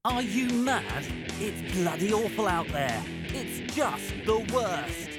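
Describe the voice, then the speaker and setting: Podcast intro: woman as gloomy low drawling announcer, swooping, guitar loud underneath. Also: expressive, takes it slowly. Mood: deadpan. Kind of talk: mock-gloomy show intro. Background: guitar music.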